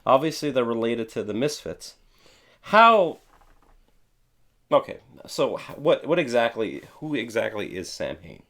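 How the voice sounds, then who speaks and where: A man's voice: medium pitch, very animated, unhurried, pauses often, a bit bright. A man hosting a show about records, chatting casually with a friend and laughing easily. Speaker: podcast host.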